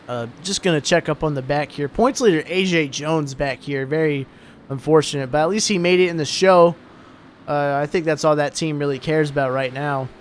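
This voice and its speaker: A man's voice: on the high side, slight background noise. A young man giving casual, laid-back commentary on a sim truck race, sounding tired between calls.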